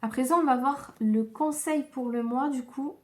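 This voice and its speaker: A tarot card reader gives a slow, gentle reading to her viewers. She sounds tired and low on energy, hesitating often.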